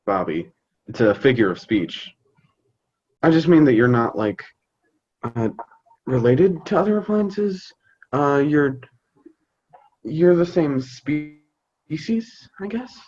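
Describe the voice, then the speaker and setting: A man's voice: medium pitch, expressive, slow pace, pauses often, a little mellow, breathy edge, lo-fi sound. A man playing a fond, hesitant dad in a scripted stage comedy, fumbling for his words. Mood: awkward, fumbling. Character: fond, hesitant, slightly awkward suburban dad. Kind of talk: scripted youth theater comedy acting.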